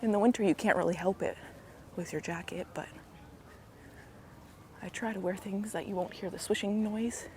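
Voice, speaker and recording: Walking outdoors in a park, a vlogger chats casually into her handheld gimbal camera mic, her slightly deep voice hoarse and raspy from a cold and given to soft asides. Her tone is steady at normal speed with frequent pauses, over faint outdoor ambience and slight hiss or hum.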